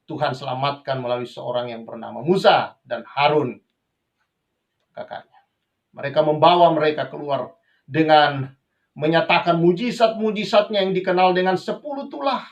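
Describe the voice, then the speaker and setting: A man who is a pastor preaching a sermon, swinging between raised passages and quiet asides, often addressing the congregation as brothers and sisters. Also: on the high side. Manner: preaches with sudden rises and drops, addresses listeners as brothers and sisters.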